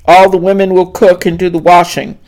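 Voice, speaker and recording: A narrator voicing a tall, commanding male plantation owner who gives clipped, booming orders. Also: little pitch movement, fairly quick, darkish tone, close to an everyday voice, poor audio. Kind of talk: audiobook character voice.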